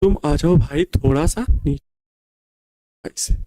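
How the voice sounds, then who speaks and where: A young man teaches a physics crash course for board exams, and his voice sits unusually high. He dictates answers phrase by phrase, going back over each bit slowly, and breaks in with friendly asides to his students. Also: warm tone. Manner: casual asides calling students babua and babu.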